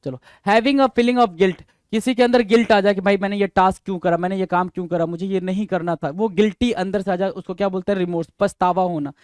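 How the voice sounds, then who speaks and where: A man teaching an exam-prep vocabulary lesson, who reads definitions slowly, then explains in quick asides and spells words letter by letter. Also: high voice, steady tone, a little mellow, clear, resonant tone, no echo. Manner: addresses listeners as "bhai".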